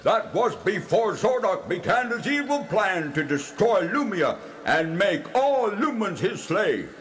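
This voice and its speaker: A man's voice: high voice, very animated, unhurried, a bit bright, heavily acted. A man playing a grand, kindly beast who was once a magistrate, with a theatrical cartoon bellow, in a children's audio drama. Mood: grave, remembering. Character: former magistrate turned big cave beast, grand and kindly.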